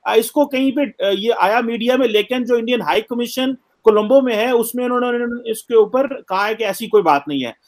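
A man's voice: extremely high pitch, normal speed, few pauses. A man hosting an interview, asking long, polite, winding questions with frequent hesitations. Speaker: interview host.

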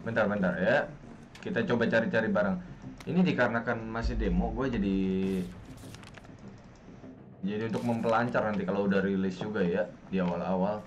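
A man's voice: on the low side, steady tone, a little fast, long pauses. A young man with an Indonesian accent giving casual gameplay commentary as a streamer. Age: young adult. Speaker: gaming streamer. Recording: muffled, noisy with game audio.

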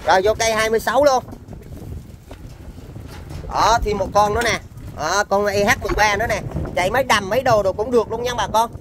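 A high-voiced man with a Southern Vietnamese accent gives a casual sales pitch for used machines. His patter is chatty and repetitive, and there is clear ambient noise in the recording. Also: quick pace, pauses often, a bit bright. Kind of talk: informal live sales demonstration.

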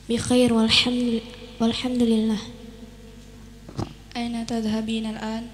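A woman student recites a memorized dialogue at a slow, even pace. Her voice sits a little high and barely rises or falls. She is heard from across the room, with steady noise around her. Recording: distant from the mic, noisy.

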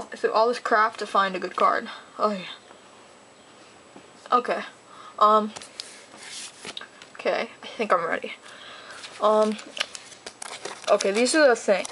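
A teenage girl chatting casually while opening trading card packs, talking fast and rambling excitedly. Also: mid-range voice, a little hiss or hum, low-quality recording. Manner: gushing, excitable. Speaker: card collector vlogger. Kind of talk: casual unboxing chat.

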